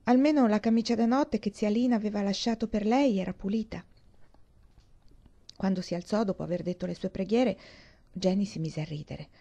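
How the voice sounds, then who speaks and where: A woman's voice: mid-range voice, fairly quick, warm tone. A woman reading a children's novel aloud, lifting her voice for the children's lines and dropping it for the narration. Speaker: audiobook reader. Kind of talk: audiobook narration with voiced characters.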